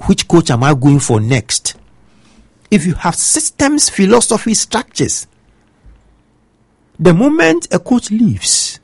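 A man's voice: sits high, breathy edge, no echo. A man from Ghana with a Ghanaian accent, giving opinionated football commentary and pressing his point with emphatic rhetorical questions. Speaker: football pundit.

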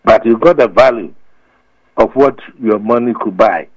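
A man's voice: on the low side, normal speed, breathy edge. A man with a Ghanaian accent explaining his views emphatically and with repetition, as an expert guest in a radio interview. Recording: muffled, echoey radio feed.

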